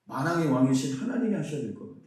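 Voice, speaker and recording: Middle-aged man from Seoul, pastor, animated preaching voice, fairly high, heavy echo from a distant mic. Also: racing. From Seoul, South Korea. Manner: lively preaching with rhetorical questions. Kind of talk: conference sermon. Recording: very echoey hall, mic far off.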